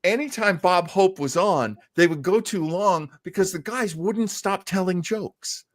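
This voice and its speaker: The host, a man with a high, unhurried voice, keeps things casual on his live show about old-time radio, telling chatty, jokey stories that often poke fun at himself.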